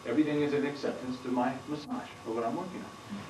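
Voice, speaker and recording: Talking fast in a medium pitch over background noise, a man walks a martial arts seminar through moves in a training hall. He demonstrates on a partner and regularly asks the class questions, all recorded from far off on roomy 1990s camcorder audio.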